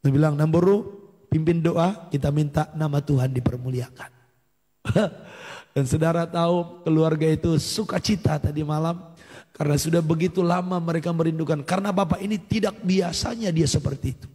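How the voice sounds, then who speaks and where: Husky-voiced pastor preaching in a reverberant hall. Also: male voice, a little high, moderate pace. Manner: animated storytelling that acts out dialogue, with exclamations of hallelujah. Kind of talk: sermon testimony at a morning prayer service.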